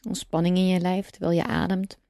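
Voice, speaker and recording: Meditation guide, female: low, slightly creaky voice, calm unhurried instruction, long pauses, close dry sound. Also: no room sound. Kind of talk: guided breathing meditation narration.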